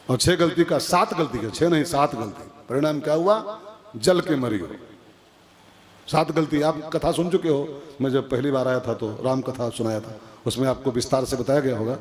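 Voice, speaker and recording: A man giving a devotional storytelling sermon to an audience, lively and repetitive, asking rhetorical questions. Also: mid-range voice, moderate pace, pauses often. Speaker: kathavachak preacher.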